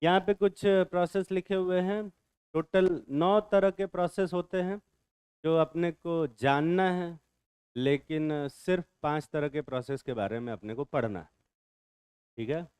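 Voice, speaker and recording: A man's voice: fairly high pitch, a little slow, a little mellow, clean tone, no echo. A male chemistry teacher, lecturing a class in a bantering way, quizzing students and answering his own questions.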